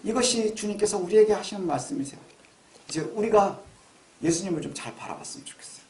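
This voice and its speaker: A man's voice: high-pitched, lively intonation, fast talker, a little mellow. A middle-aged male pastor preaching a Sunday sermon in a conversational way, asking rhetorical questions and acting out quotes. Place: church sanctuary. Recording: echoey church hall.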